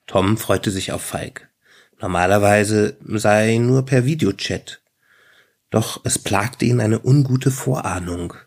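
A man reading a story aloud in a measured, steady way, as narrator. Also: fairly low pitch, vocal fry. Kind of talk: audiobook narration.

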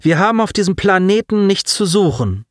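Man voicing a tearful, resolute young man, raised pitch, audiobook. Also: wildly swooping pitch, measured pace, no room sound, studio quality. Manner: tearful but firm.

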